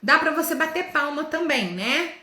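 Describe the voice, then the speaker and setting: Woman, teacher's lesson, bright tense voice, didactic check-ins, sounds out syllables, echoey room. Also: high-pitched, lively intonation. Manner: sounds out letters and syllables slowly in demonstrations. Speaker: educator.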